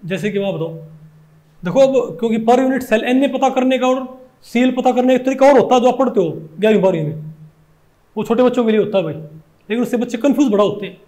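A man's voice: very high-pitched, fast, dark tone. A male chemistry teacher with a Hindi accent lecturing a class, who keeps asking rhetorical questions and repeating his points.

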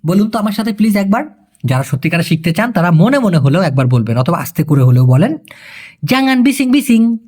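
A man giving a casual spoken language lesson, explaining words one by one and slowly repeating phrases, with chatty asides. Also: high voice, sing-song, darkish tone. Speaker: language teacher.

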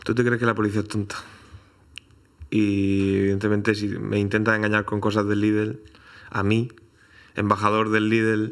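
A man's voice: fairly low pitch, completely flat delivery, normal speed, a bit bright. A man from Spain co-hosting a comedy chat, needling his partner with dry sarcasm. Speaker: comedy podcast co-host.

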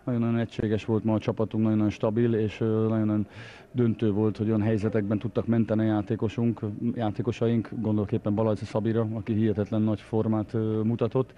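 A man speaks as a coach in an interview, hesitating and repeating words. His low voice stays fairly even, with slightly dull sound. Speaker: football coach being interviewed. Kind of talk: post-match interview. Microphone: handheld interview microphone.

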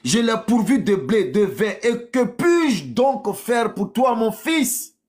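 A man's voice: extremely high pitch, very animated, slow, a little mellow, faint music behind, voice pushed up, heavily acted. A man voicing a sorrowful old father who laments that he can do nothing more, drawing his words out in a half-sung way. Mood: sorrowful, helpless.

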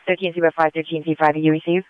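A man's voice: a little high, level tone, racing, smooth, no room sound, muffled recording. A man working as a police dispatcher, giving clipped, procedural calls over police radio. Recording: police scanner radio transmission.

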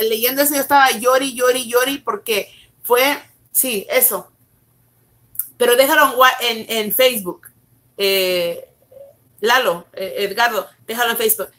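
Brisk, bright-voiced woman pastor. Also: on the high side. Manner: brisk, greets viewers by name, urges them on. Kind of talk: livestreamed Bible teaching. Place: bedroom at home.

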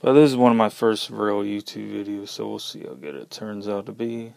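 A young man giving a casual, unscripted product demo in a plain-spoken, halting, informal way, recorded at uneven volume on a tablet. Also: lowish voice, flat delivery, vocal fry, darkish tone. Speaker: amateur YouTube product reviewer. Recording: noisy homemade tablet recording, uneven level.

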